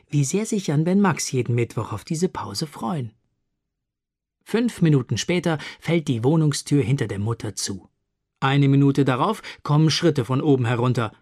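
A narrator reading a children's story aloud in a calm, measured way. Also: medium pitch, slightly rough, no room sound, clean studio sound.

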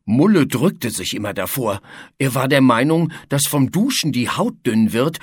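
Man reading a children's story slowly. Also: medium pitch, husky, dry recording, studio quality. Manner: slow, lively storytelling. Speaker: narrator.

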